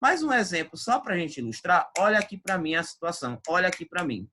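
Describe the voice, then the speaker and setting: A man's voice: high-pitched, sing-song, a little fast, sharp tone, slight background noise. A male Portuguese teacher, giving an emphatic, chatty exam-prep video lesson.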